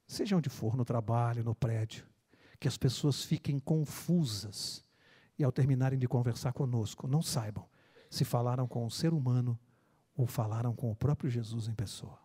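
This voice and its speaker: A preacher giving a sermon with lively storytelling and an earnest appeal. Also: medium pitch, normal speed, husky, in a large hall.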